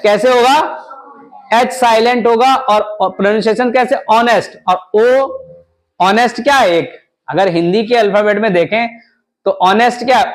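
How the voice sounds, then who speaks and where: A man teaching English grammar in a classroom style, mixing Hindi with English terms and asking and answering his own questions. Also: very high voice.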